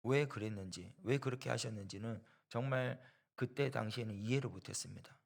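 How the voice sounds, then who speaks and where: A man preaching a sermon in a gravelly, rough-edged voice. He drives points home with repeated phrases and rhetorical questions, slipping into the voices of people in his story. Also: medium pitch, a little fast. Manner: emphatic, rhetorical questions and repetition; storytelling that acts out quoted voices. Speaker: preacher at a church.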